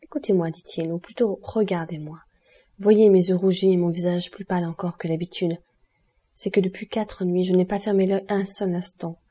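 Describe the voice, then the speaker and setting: A woman voicing a mysterious male count in an audiobook, speaking in a hushed, grave and insistent way. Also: on the low side, fairly even intonation, normal speed, close to an everyday voice. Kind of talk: audiobook character reading.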